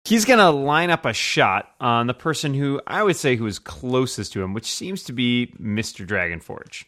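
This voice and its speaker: A man's voice: mid-range voice, very animated, moderate pace, a bit bright. A man running a tabletop game as game master, narrating casually to the players.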